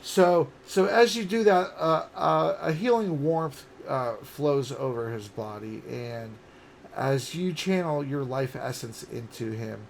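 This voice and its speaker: A man in his late thirties narrating as dungeon master, halting with fillers and restarts. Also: medium pitch, gravelly, a little hiss or hum. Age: late 30s. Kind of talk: narrating a tabletop game.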